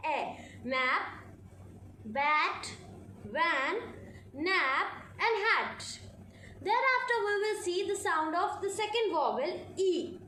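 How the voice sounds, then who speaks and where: High slow woman teaching phonics. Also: bright, forceful tone. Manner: slow, repeats each word after spelling it out; mixes Hindi and English, asks questions and answers them. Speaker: English teacher. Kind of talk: phonics lesson. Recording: echoey room with faint noise.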